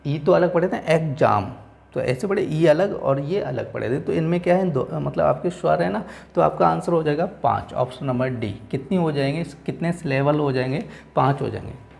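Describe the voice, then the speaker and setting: Gravelly guy teacher going over exam questions, keeps repeating answers. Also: fairly high pitch, darkish tone. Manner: repeats answers with "ठीक है", reads questions slowly. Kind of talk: exam-prep lesson. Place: coaching classroom.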